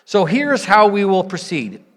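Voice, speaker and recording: With big pitch swings and an unhurried delivery, a church leader whose mid-range voice is a bit bright addresses a congregation. The instructions and reflection are given in an encouraging, invitational, explanatory manner, within a large reverberant room at a church gathering with echoing hall sound.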